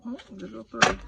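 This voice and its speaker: A woman's voice: mid-range voice, vocal fry, heavy background noise. A woman giving a casual tarot reading at home, rambling with lots of fillers and talking straight to the viewer. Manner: rambling, filler-heavy, talks to viewer directly. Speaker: tarot reader. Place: at home with kids nearby.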